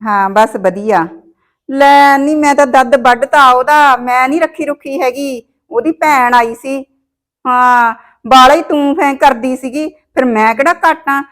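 A woman's voice: high voice, a little slow, fairly bright tone. A woman playing a domineering, scheming mother-in-law in a village comedy short film, scolding her son. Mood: gossiping.

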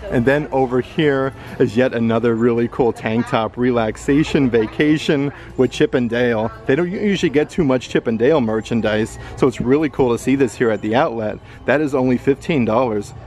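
A man's voice: medium pitch, a little fast, hardly any pauses, a little mellow. A man vlogging a casual walkthrough of a store, upbeat and chatty as he reads off prices, with frequent fillers like "uh" and "like". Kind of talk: casual shopping walkthrough narration. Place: indoor retail store.

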